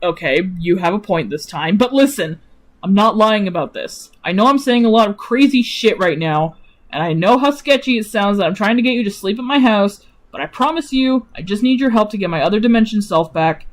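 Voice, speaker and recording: A woman's voice: medium pitch, animated, brisk, natural voice. A woman voicing Eric, an earnest, tired young man who pleads with a coworker. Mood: earnest pleading. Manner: pleading, apologetic.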